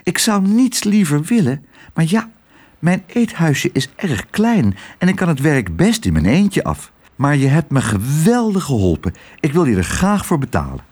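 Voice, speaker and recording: A man's voice: fairly high pitch, very animated, normal speed, darkish tone, slightly rough. A man voicing a kindly woman who runs a small eatery, coaxing and friendly.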